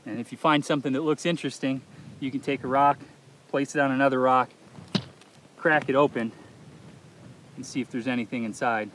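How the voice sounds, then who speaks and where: Man, mid-pitched, casual and reflective, narrating a solo hike outdoors on a camera mic. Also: steady tone, a little fast, long pauses, fairly bright tone, a little hiss or hum. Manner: easygoing, rambling, reflective, with frequent "uh" and "like". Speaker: solo thru-hiker filming his trip. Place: outdoors in open desert.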